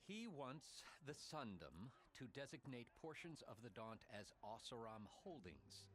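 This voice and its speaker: A man's voice: medium pitch, big pitch swings, measured pace, a little hiss or hum. An actor playing a harried male official in a studio game, exasperated and earnest.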